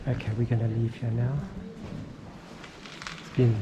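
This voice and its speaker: Male travel vlogger, mid pitch, halting and rambling delivery, noisy recording. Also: completely flat delivery, lo-fi sound. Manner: halting and rambling, full of ums. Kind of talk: casual travel vlog narration.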